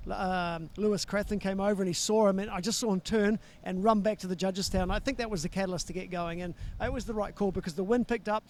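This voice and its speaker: A male co-host wrapping up a live outdoor event at night. His voice is notably high and he speaks very fast. He hammers his points home with emphatic repetitions. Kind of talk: live event commentary and interview.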